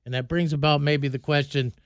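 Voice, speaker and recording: A man's voice: a little high, fairly even intonation, fairly quick, dry recording. A man hosting a casual morning radio show, running through sports news and stories in a loose, rambling way with fillers.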